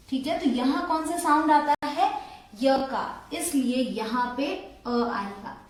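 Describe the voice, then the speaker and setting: Brief: woman grammar teacher, high voice, patient step-by-step explaining, strong room echo. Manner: explains step by step, quizzing viewers with questions. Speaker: English teacher. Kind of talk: online grammar lesson. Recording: echoey room.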